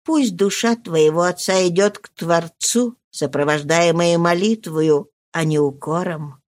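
Woman doing a gentle old nursemaid. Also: dry recording, natural voice. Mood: consoling. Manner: low, soft, slow and soothing. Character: old female servant, gentle and consoling.

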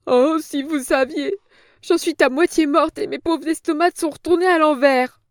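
A woman doing shrill whining old hag. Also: normal speed, no echo, clean studio sound, natural voice. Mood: whining, frightened. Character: old vulgar female innkeeper, whining and scared.

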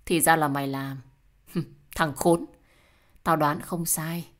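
A woman's voice: low-pitched, steady tone, slow pace, fairly bright tone. A woman voicing a desperate young wife who pleads and protests in a storybook reading. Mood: furious. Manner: pleading, indignant.

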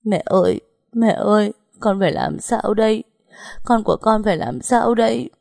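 A woman's voice: normal speed, dark tone, dry recording, clean studio sound, lightly acted. A woman voicing a distraught young pregnant woman who pleads and sobs in a raised, strained voice. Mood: sobbing. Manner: sobbing, pleading, pitched up.

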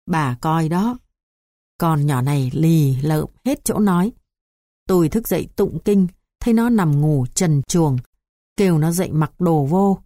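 Old lay monk, southern vietnamese, blustering, low dark tone, read by a woman. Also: expressive, measured pace, no echo, studio quality. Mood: accusing. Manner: accusing, blustering.

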